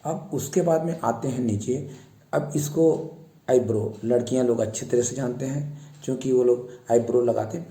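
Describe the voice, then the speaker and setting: A man teaches English vocabulary, repeating each word patiently for young learners. His voice is very dark and mellow, and the room around him gives an echo. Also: mid-range voice. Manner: repeats each word slowly, pointing out face parts. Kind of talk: slow explanatory lesson for children.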